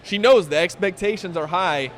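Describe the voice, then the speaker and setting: A man's voice: high-pitched, moderate pace. A man who works in communications for a soccer club, chatting casually as a guest and rambling with many restarts. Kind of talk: casual sports chat.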